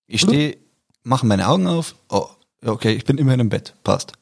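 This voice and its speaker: A man's voice: mid-range voice, lively intonation, fairly quick, vocal fry, a little mellow. A young man telling a funny story in casual chat among friends, laughing often and restarting his sentences.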